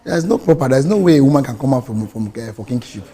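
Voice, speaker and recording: A man's voice: medium pitch, expressive, fast talker, mellow. A man on a talk show panel, arguing his point stubbornly and repeating himself. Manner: stubborn, repetitive, argumentative.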